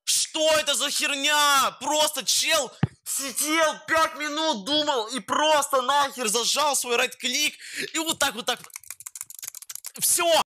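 A young man, a gaming streamer yelling exasperated, repetitive complaints during live gameplay commentary. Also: extremely high pitch, slow pace, a little hiss or hum. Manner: explosive, exasperated shouting, repeats himself.

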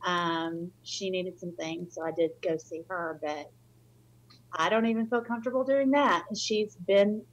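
A woman's voice: on the low side, unhurried, lo-fi sound. A middle-aged woman chatting casually as a guest on a video call. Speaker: guest calling into a live panel. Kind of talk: casual chat. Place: room at home. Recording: faint noise and hum.

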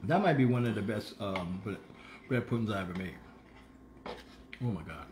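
This man, in his fifties, speaks in a lowish voice at a moderate pace while hosting a casual live cooking show at home. He's animated and playful, humming aloud as he enjoys what he's eaten. Sound comes from a phone camera on the counter in an echoey kitchen with slight background noise.

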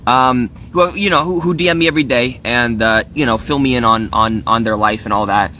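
A man's voice: medium pitch, a little fast, bright, forceful tone, a little hiss or hum. A man streaming live from his phone, rambling casually with lots of fillers and restarts and swearing freely as he vents. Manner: swears freely, aggrieved venting.

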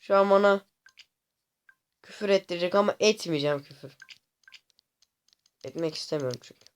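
A man hosting a gaming channel, commenting casually on his gameplay to viewers, often exasperated and complaining out loud at the game. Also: high-pitched, normal speed, smooth. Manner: talks to viewers directly.

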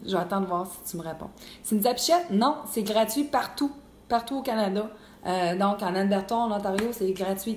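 Chatty Québécois woman hosting a cooking live. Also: mid-range voice. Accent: Québécois French. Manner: chatty and animated, full of fillers. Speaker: cooking show host. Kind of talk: live-stream cooking chat reading comments. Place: home kitchen. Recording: echoey room with faint noise.

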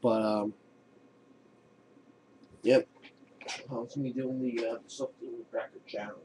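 A teenage boy chatting casually to a webcam at home in a hesitant, halting way. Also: medium pitch, fairly even intonation. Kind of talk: casual vlog chat. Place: room at home, indoors. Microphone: webcam at arm's length. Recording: faint noise and clicks, webcam audio.

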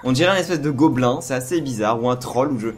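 A man with a hoarse, worn-out voice giving casual, excited gameplay commentary and repeating words in quick bursts. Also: mid-range voice. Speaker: let's play host. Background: video game music.

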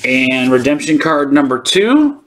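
A man's voice: mid-range voice, big pitch swings, a little slow, slight background noise. A man hosting a sports card channel, giving casual, informal unboxing commentary as he thinks aloud.

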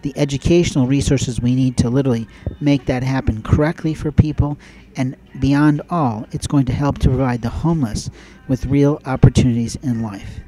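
An emphatic, preachy man delivers a monologue on his own audio show. His voice is dark and mellow, sitting at an ordinary pitch. He builds his points with repeated phrases. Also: steady tone, normal speed, low-quality recording. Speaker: podcast host. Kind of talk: spoken opinion monologue.

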